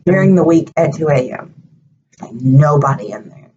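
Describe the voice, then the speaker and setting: A woman, co-hosting a casual chat and teasing her partner with quick, playful remarks. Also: deep voice, lively intonation, mellow, slightly rough. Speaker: co-host. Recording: distant muffled home recording with light hiss.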